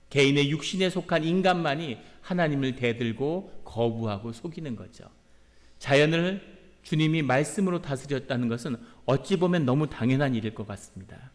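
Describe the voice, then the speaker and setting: Pastor, male, slightly high voice, earnest sermon, long church reverb. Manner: earnest preaching, voicing quoted prayers and rebukes. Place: church sanctuary.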